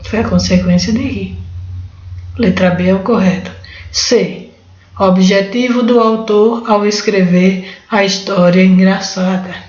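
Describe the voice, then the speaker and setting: A woman's voice: medium pitch, steady tone, a little slow, darkish tone. Brazilian lady going over exam questions, chatty and informal, dull roomy lo-fi sound. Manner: informal, thinks aloud, many restarts and tag "né". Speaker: exam-prep Portuguese teacher. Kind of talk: spoken lesson going through exam questions.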